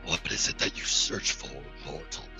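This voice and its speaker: A man, the game master, voicing a huge tentacled sea creature whose magically amplified, booming voice echoes inside its listeners' heads as it slowly and solemnly questions mortals. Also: sharp tone, faint music behind. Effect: magically amplified booming voice echoing in listeners' heads.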